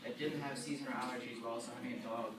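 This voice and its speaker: A man presenting a journal article to a class, talking haltingly with many fillers and restarts. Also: medium pitch, steady tone. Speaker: student presenter. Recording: echoey room, distant mic, noisy.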